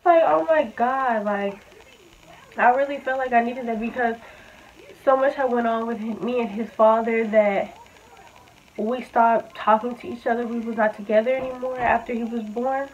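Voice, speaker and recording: Young woman vlogging, chatty storytime, says like a lot, kinda high voice, slightly muffled audio. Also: moderate pace, slight background noise. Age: young adult. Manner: chatty, filler-heavy, says "like" often. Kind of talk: casual storytime.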